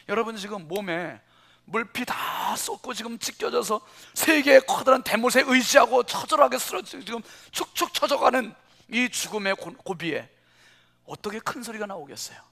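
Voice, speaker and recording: Male pastor, sermon, high bright voice, gravelly, whispers to shouts. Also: normal speed. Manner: dramatic, swings from whispers to shouting. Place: church.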